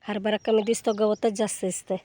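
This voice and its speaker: A woman's voice: mid-range voice, little pitch movement, fairly quick, no room sound. A woman vlogging outdoors on her farm, chatting casually as she walks around with a phone camera. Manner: chatty, gets loud and coaxing when feeding goats. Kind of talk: casual walk-through narration.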